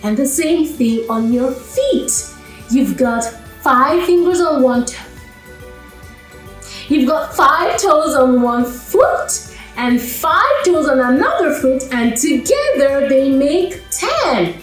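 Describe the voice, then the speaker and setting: Reading aloud for kids, a female host chats playfully and questions her young listeners in a high, sing-song voice, taking her time. The sound is roomy and echoey, with music.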